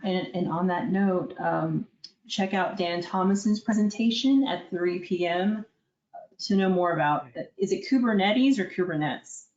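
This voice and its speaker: A woman with a lowish voice moderates an online Q&A, upbeat and brief. Her audio is roomy and dull, like a video call from an echoey room. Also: steady tone, a little slow, a little mellow. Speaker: session moderator.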